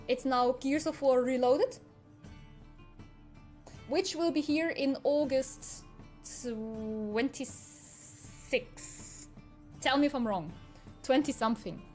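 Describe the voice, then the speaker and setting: A high-pitched, teasing AI avatar girl who talks slowly and sarcastically, voiced by a man through a voice changer. The processed feminine voice chats casually over faint game music in the background. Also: darkish tone. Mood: chatty. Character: sarcastic female AI avatar streamer. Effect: voice changer making a man sound female. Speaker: streamer. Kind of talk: casual chat with viewers. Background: faint game soundtrack music.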